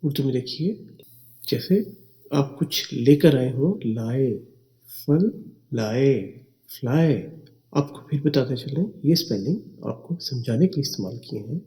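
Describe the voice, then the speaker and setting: A man gives an English vocabulary lesson at a very unhurried pace. His voice is dark and mellow, and he spells each word letter by letter, then repeats it. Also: medium pitch, animated. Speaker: English teacher. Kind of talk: slow spelling and pronunciation lesson.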